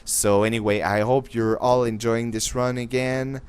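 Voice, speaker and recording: A man's voice: mid-range voice, steady tone, normal speed, clear, resonant tone. A young man giving casual, rambling voice-over commentary over a game walkthrough as the channel's host. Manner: casual, rambling, filler-heavy talk.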